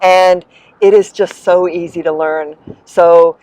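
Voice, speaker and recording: Here a middle-aged woman from New Zealand talks as an interview guest about the land sailing business she coordinates, sounding enthusiastic, upbeat and warmly promotional. She has a lowish, steady voice and takes it slowly, though the audio is poor.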